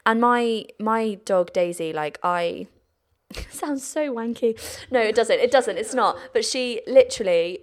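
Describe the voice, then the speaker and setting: A young woman from the United Kingdom, a podcast guest, talking casually and emotionally, often acting out what family members said. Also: mid-range voice. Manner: chatty, emotional, quotes family in lively voices. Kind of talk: casual chat.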